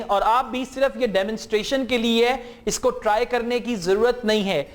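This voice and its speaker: A man teaching English pronunciation, modeling words slowly for repetition and mixing English terms into his explanations. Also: extremely high pitch. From Pakistan. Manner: slow, drawn-out model words for repeating. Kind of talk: spoken English lesson with drills.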